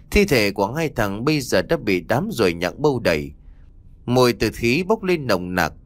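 A man's voice: mid-range voice, dry recording. A man narrating a ghost story with dramatic storytelling.

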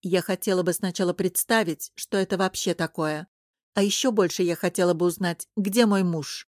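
A woman reading an audiobook who voices a proud young princess, sharp, sarcastic and impatient. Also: on the low side, fairly even intonation, normal speed, dry recording, clean studio sound, close to an everyday voice. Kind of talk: audiobook character voice.

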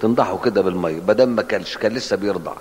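A man's voice: fairly low pitch, very fast, a little mellow. A man with an Egyptian Arabic accent teaching hadith in a colloquial, explanatory way and asking his class questions. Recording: long hall reverb.

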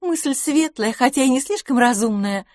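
A high, lively young woman bubbling over with excitement, as a female audiobook reader puts her on. Her voice swoops up and down as she gushes, and the read sounds close and dry. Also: normal speed, no room sound. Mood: gushing.

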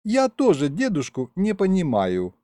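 Male reader as a sensible young vampire woman, raised pitch, dry sound. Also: huge pitch swings, measured pace, dark tone, no room sound, heavily acted. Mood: weary. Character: prim young female vampire, sensible and weary.

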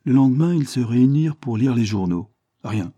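A man reading a literary short story aloud in a measured, expressive storytelling manner. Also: mid-range voice, no echo, muffled recording. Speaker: reader.

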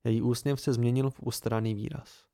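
Smooth-voiced male audiobook narrator. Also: mid-range voice, steady tone, mellow, no room sound, studio quality. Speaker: audiobook reader.

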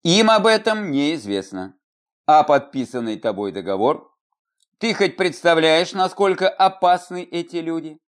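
A man's voice: fairly high pitch, big pitch swings, unhurried. A man doing a fretful little salamander girl. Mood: worried. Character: sharp-tongued female salamander companion, young. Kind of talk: audiobook reading.

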